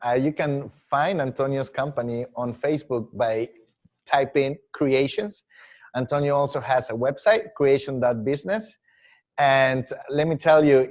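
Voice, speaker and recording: A man's voice: medium pitch, a little mellow. A man hosting an online event in an upbeat, promotional way. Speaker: event host.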